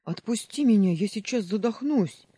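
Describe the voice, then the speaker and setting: A woman's voice: mid-range voice, expressive, normal speed, dark tone, husky, no room sound, pitched above the performer's own voice. A woman narrator voicing a terrified young man who cries out in desperate, gasping outbursts in a storybook reading. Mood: panicked.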